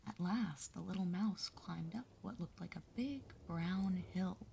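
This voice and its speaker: A woman softly reading a bedtime story aloud as an older sister in a whispered role-play. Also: fairly low pitch, vocal fry, slight background noise. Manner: soft, slow bedtime reading.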